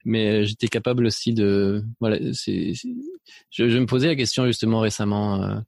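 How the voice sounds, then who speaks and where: A middle-aged man from Spain, appearing as an interview guest, reflects on his life haltingly, with many fillers and restarts and a mixed French accent, slightly Belgian. His fairly low, darkish voice shows vocal fry and fairly even intonation at a moderate pace, with no room sound.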